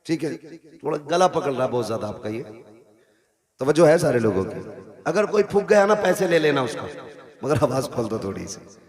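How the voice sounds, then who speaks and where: A man's voice: medium pitch, very animated, moderate pace, pauses often, darkish tone. A man preaching a religious sermon to a live gathering, telling a story and coaxing the crowd to call out. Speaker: Islamic preacher. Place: mosque gathering with PA system.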